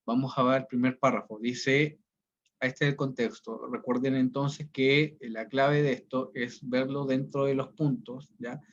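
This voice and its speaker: A man's voice: mid-range voice, little pitch movement, measured pace. A male teacher, giving an online reading class and explaining each step, often checking in with the students. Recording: dull lo-fi sound.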